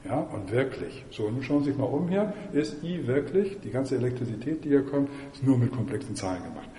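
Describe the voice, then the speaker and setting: Mellow-voiced man lecturing in an echoey hall. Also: medium pitch, expressive, a little fast, slight background noise. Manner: digressive, asks the audience rhetorical questions. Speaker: mathematics lecturer. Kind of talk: university lecture.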